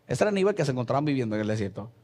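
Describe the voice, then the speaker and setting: A Puerto Rican man preaching a sermon as pastor, reading scripture and swinging between loud passages and soft asides in a church. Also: medium pitch, very animated, rapid-fire. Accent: Puerto Rican Spanish. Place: church sanctuary.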